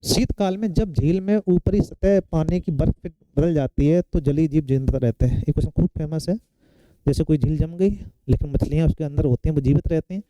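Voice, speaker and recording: In this exam-prep classroom lecture, a man teaching science walks students through competitive-exam questions one step at a time, frequently checking in with quick tag questions. He speaks a little fast in a fairly high, dark-toned voice. There's no room sound, and the audio quality is poor.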